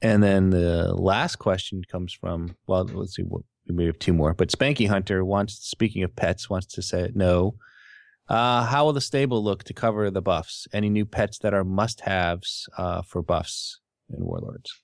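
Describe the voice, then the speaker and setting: A man's voice: deep voice, moderate pace, creaky, no room sound, clean studio sound. A man hosting a casual gaming podcast, reading out listener questions and explaining them patiently. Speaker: podcast host.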